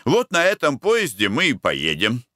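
A man voicing a panicky middle-aged husband abroad, fretful and hurried, in a storybook reading. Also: medium pitch, wildly swooping pitch, bright, forceful tone, no room sound, studio quality, voice pushed up. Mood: anxious, hurried.

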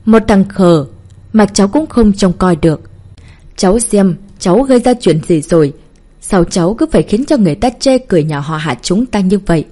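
A furious old matriarch, as a woman reads her part scolds in a loud, harsh voice with a husky, mellow tone. Her pitch swings widely as she berates the family. It is a stern grandmother from a spoken storybook. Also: animated, moderate pace, lightly acted. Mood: furious scolding.

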